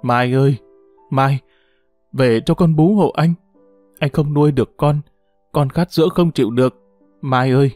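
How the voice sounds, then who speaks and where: A man's voice: medium pitch, normal speed, long pauses, darkish tone, no echo, soft background music, close to an everyday voice. A man voicing a desperate young father who calls out pleadingly for his missing wife. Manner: calling out pleading and plaintive.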